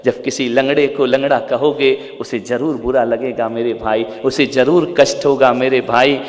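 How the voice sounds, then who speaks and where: A man, a Jain monk, giving a sermon to a live audience, dropping to hushed asides and rising to long drawn-out shouts, often putting questions straight to his listeners. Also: medium pitch, steady tone. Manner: asks the listeners direct questions. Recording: long hall reverb.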